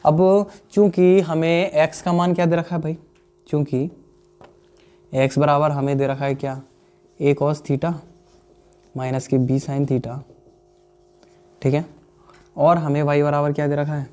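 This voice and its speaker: A young man talks his students through a maths problem. His voice sits high and sounds mellow rather than sharp, and he keeps asking the class whether they understood. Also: little pitch movement, a little slow, pauses often, clear, resonant tone. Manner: chatty, addresses students as "dear friends", asks "understood or not?". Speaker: maths teacher. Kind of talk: classroom lesson explaining solutions.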